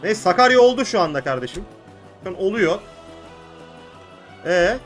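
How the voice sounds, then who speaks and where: A young man hosting a gaming channel, commenting excitedly on a strategy game, exclaiming and swearing at what happens on screen. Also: high-pitched, moderate pace, faint music behind. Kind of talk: excited let's-play commentary.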